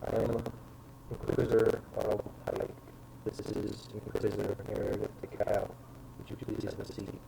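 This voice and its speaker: A man voicing a cold, expressionless male inquisitor who speaks in a quiet, formal way. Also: on the low side, monotone, normal speed, vocal fry, recorded from a distance. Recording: noisy background.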